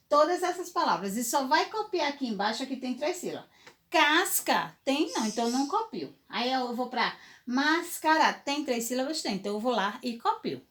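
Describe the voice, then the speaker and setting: A woman teacher giving a recorded lesson to young children, patient and step by step, often checking in with the class. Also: a little high. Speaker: primary school teacher.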